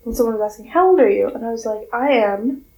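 A woman's voice: on the high side, expressive, fast talker, a little mellow. A woman in her twenties co-hosting a podcast in casual chat, laughing often. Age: 20s. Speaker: podcast co-host. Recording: roomy echo.

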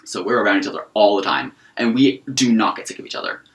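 A man co-hosting a podcast in casual chat, an animated storyteller who acts out what people said. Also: fairly low pitch, fast, distant mic. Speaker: podcast co-host. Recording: set back from the mic.

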